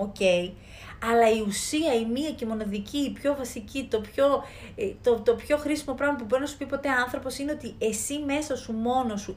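Emphatic, fairly high-voiced woman coach. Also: slight background noise. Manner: earnest, emphatic, piles up repeated phrases. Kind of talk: motivational talk to camera.

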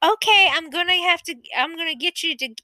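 A woman's voice: extremely high pitch, fairly quick, sharp tone, no room sound, clean studio sound, pitched above the performer's own voice. A woman voicing a nervous young male nurse at his first birth, in a hesitant way.

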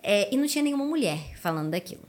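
A woman's voice: mid-range voice, rapid-fire. A woman guest on a podcast, casually telling her story and acting out quoted dialogue. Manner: animated, lively retelling with quoted dialogue.

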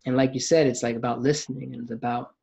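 Husky man musing on a podcast. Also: mid-range voice, level tone, fast, mellow. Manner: reflective, frequent restarts and acted-out quotes. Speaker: podcast host. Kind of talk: casual podcast conversation.

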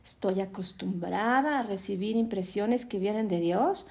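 A Mexican woman teaches a Bible class in an animated storytelling manner. Her voice has a gravelly fry running through it, and her pitch sits in the middle range for a woman. She tags her sentences with questions to her listeners. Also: a little slow.

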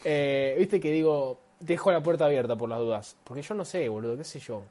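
Man, podcast co-host, rapid-fire, slightly high voice, joking, excitable. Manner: joking, excitable, laughs often. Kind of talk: casual banter among friends.

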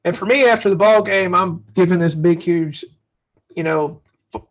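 On poor audio, a man with a high voice speaks at normal speed. As a podcast co-host on a faith-based parenting talk, he tells earnest stories about his experiences as a dad, acting out the quotes within them.

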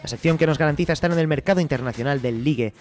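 A man's voice: on the high side, rapid-fire, darkish tone, faint music behind. A man hosting a comedy podcast, teasing and sarcastic in his banter. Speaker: podcast host.

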